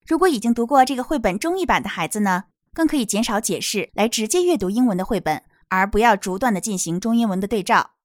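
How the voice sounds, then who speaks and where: A woman teaching English pronunciation from a picture book, explaining slowly and demonstrating words. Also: mid-range voice, lively intonation, dry recording, studio quality.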